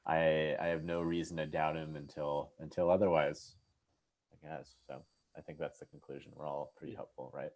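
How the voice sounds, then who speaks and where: A man's voice: extremely low pitch, little pitch movement, brisk, a little mellow, highs cut off. A young man hosting a casual sports podcast, rambling with lots of fillers and restarts. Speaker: podcast host.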